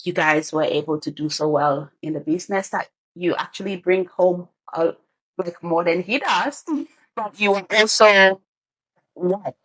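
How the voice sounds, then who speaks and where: In an Edmonton, Canada studio, a Sierra Leonean podcast host talks casually and expressively with her guest, frequently breaking into laughter. She speaks unhurriedly in a voice on the low side, and the audio is poor though free of echo.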